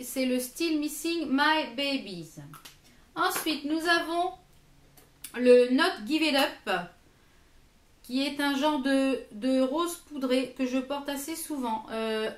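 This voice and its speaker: A woman's voice: high-pitched, takes it slowly, reverberant. A French woman reviewing lipsticks in her own vlog, hesitant and full of fillers and repeated words. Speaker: beauty vlogger. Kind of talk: product review.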